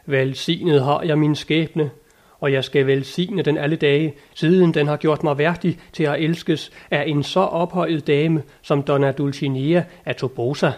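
An eager, lofty old knight from a storybook, full of high-flown devotion, as a male narrator reads him, in a fairly high voice. His speech is grand and old-fashioned, urging and exclaiming. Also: fairly even intonation, darkish tone, close to an everyday voice. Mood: ardent. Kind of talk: audiobook character reading.

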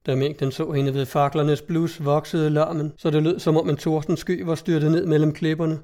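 A man narrating an old tale in a measured, even storytelling manner. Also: on the high side.

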